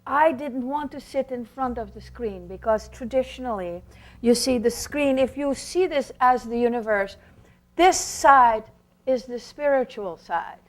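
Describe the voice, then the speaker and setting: A woman with a slightly high voice presents puppetry in an explanatory storytelling talk. Her unhurried delivery is theatrical and emphatic, and she poses rhetorical questions.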